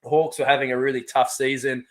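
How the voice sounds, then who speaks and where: Heartfelt dad on a podcast. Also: male voice, medium pitch, level tone, quick pace. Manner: heartfelt, nostalgic storytelling. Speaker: podcast co-host. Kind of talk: casual podcast chat, storytelling.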